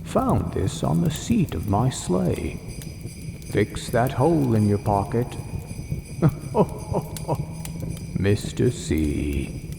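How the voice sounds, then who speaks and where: A man voicing a jolly, kindly old Santa Claus with slow, drawn-out delivery in a storybook reading. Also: medium pitch, huge pitch swings, vocal fry, echoey room, big-room sound, background noise, pitched above the performer's own voice, heavily acted. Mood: warmly amused. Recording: background music under the voice.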